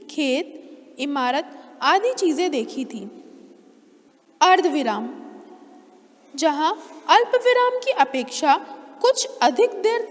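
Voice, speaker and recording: A woman teaching a grammar lesson to children, explaining slowly and clearly and stressing her examples. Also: high-pitched, long reverb tail.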